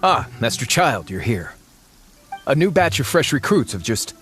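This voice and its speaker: A dutiful soldier reporting to his superior in a video game. He speaks in a mid-pitched male voice, formal and deferential, over faint music. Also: sing-song, normal speed, a bit bright. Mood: respectful, hesitant. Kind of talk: scripted video game dialogue.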